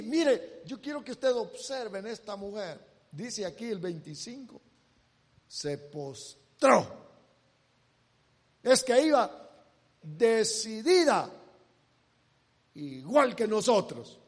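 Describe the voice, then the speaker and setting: A man preaching a sermon in a very high voice, drawing his words out slowly. He is emphatic and keeps repeating himself as he urges the congregation to look. A long reverb trails after his words. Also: very animated.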